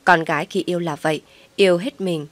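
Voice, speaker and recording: Low-voiced woman narrating a story. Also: steady tone, a little fast, dry recording.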